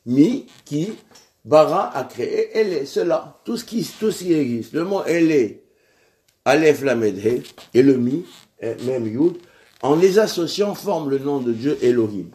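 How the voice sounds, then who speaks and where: A man teaching a religious lesson, speaking in a measured way with frequent restarts and pauses, lifting his voice on the key words and questions. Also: on the high side, expressive, dark tone.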